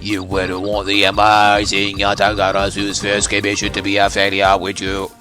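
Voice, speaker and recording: His pushed-down voice sits on the low side, totally flat and moderately paced, with music behind it. The man is voicing a smug, mocking phone caller through a voice changer, taunting and teasing in a fan voice-over of a game.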